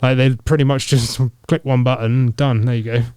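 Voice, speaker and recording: A man, co-hosting a casual podcast chat, animated and quick to mimic sounds and voices. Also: mid-range voice, clean tone. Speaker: podcast co-host. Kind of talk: casual chat reacting to a game trailer. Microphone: studio podcast mic.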